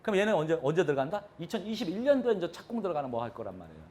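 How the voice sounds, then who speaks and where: Male lecturer, quick and lively delivery, teaches by quizzing the room, voice sits a bit high. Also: a little hiss or hum. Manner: animated, poses questions to the audience. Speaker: real estate lecturer. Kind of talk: live classroom lecture.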